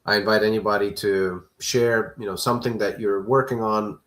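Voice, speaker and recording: A man hosting a live question-and-answer stream, talking in a relaxed, conversational way. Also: on the low side, moderate pace. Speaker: host.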